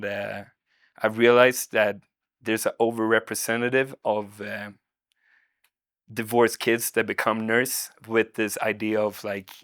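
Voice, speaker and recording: A man from Sweden, a nurse, speaking in a reflective documentary interview, searching for words with many pauses and fillers. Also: fairly low pitch, a bit bright, no room sound, clean studio sound.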